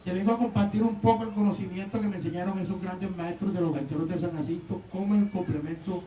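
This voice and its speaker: A man with a Colombian Caribbean Spanish accent explaining instrument making in a live demonstration, step by step and haltingly, recorded on a distant mic in a roomy space. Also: high-pitched, fairly even intonation, warm tone. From San Juan Nepomuceno, Colombian Caribbean. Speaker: gaita musician and instrument maker.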